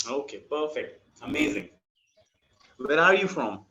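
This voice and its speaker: A man's voice: on the high side, sing-song, bright, forceful tone. Patient male teacher on a dull video call. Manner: patient, explains slowly with many checks for understanding. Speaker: yoga teacher. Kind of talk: online class explanation. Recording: dull lo-fi video call audio with faint music.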